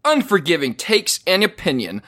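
A man with a slightly high voice hosts a podcast like a ringmaster. His pitch swings widely as he makes big, brash announcements in casual language. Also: wildly swooping pitch, moderate pace, a bit bright. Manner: showman-like, ringmaster-style announcing; brash, opinionated, swears casually. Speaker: podcast host. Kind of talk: casual solo podcast monologue.

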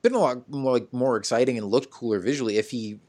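A man co-hosting a casual podcast, relaxed and thinking aloud. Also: medium pitch, quick pace. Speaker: podcast co-host. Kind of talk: casual review chat.

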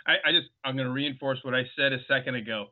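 A man's voice: mid-range voice, fast. Amused man on a tinny remote line. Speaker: podcast guest. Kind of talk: casual film discussion.

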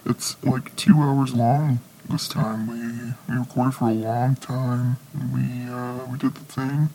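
A man co-hosting a casual comedy podcast, talking slowly in a gravelly, fry-laden voice. He rambles through crude improvised jokes full of fillers. A faint noise sits behind him. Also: medium pitch, level tone, warm tone, poor audio. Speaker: podcast co-host.

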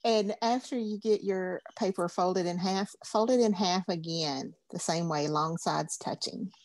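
A woman's voice: lowish voice, a little slow, no room sound. A woman, teaching a craft class in a chatty, upbeat, folksy way. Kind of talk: casual craft class instruction.

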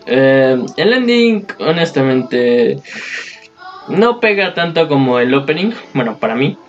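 Man, very slow and measured, dull podcast audio with faint music. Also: mid-range voice, very animated. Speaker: podcast co-host. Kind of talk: casual chat about anime.

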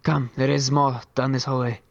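A man playing in a tabletop role-playing session, his voice mid-pitched. He speaks earnestly and gets straight to the point, recorded close and dry. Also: level tone, moderate pace, creaky, no room sound, highs cut off. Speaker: player. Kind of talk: tabletop role-play chat.

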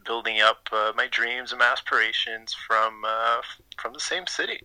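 An easygoing man chats as a podcast guest and laughs often. His voice is very bright and sharp and sits at a middle pitch. The sound is dry, with no room around it. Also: normal speed, no echo, low-quality recording. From Canada. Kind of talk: casual chat.

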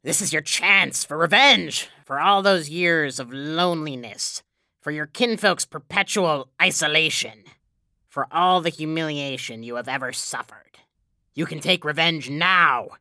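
A woman voicing a thin, sly little man who talks in a slow, wheedling, persuasive way, reading a storybook. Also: low voice, pushed and bright, no room sound, clean studio sound, voice pushed down, full character voice. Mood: scheming.

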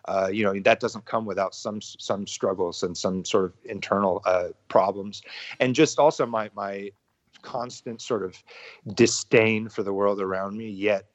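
In a casual interview, this male musician and podcast guest speaks in a fairly low voice with fairly even intonation. His delivery is halting and full of repeated words, chuckles, and free swearing. The dry recording sounds muffled and lo-fi.

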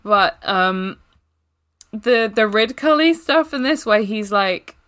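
A woman's voice: mid-range voice, animated, slow, a bit bright. Playful woman chatting on a podcast. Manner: jokey, playful storytelling. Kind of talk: casual chat.

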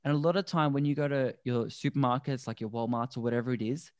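A man, a guest on a podcast, explaining things earnestly and deliberately in a conversational interview. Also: medium pitch, steady tone, no room sound. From Australia. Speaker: podcast guest, endurance athlete.

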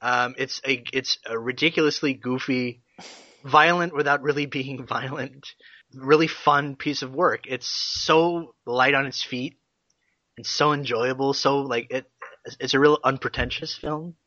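A man's voice: medium pitch, steady tone, measured pace, sharp tone, dry recording, highs cut off. A man co-hosting a casual movie review podcast, upbeat and enthusiastic, laughing often. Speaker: podcast co-host.

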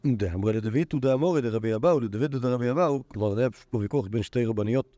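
A man, a rabbi, teaching a Talmud class, animated and full of repeated words and fillers. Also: mid-range voice, no room sound. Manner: animated, acts out quoted sages in a raised voice. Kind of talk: lecture to a class.

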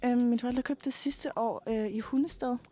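A young woman in her twenties, a guest singer, chatting casually in an interview, relaxed and hesitant with many fillers. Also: fairly high pitch.

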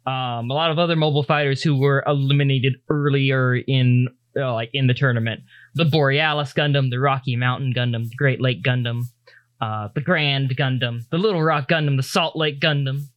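A man improvising narration as game master of a tabletop game, in a halting, loose way. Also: medium pitch, fairly even intonation, no room sound, highs cut off.

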